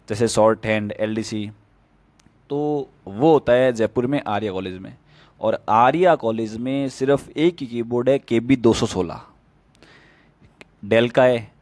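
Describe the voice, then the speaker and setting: A man's voice: mid-range voice, a little slow, a little mellow, no echo. A man who teaches stenography gives a casual spoken tutorial with plain, step-by-step tips.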